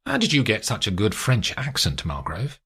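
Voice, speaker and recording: A man voicing a brisk, commanding female spy chief who gives orders to her agents. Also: lowish voice, huge pitch swings, fairly bright tone, breathy edge, full character voice.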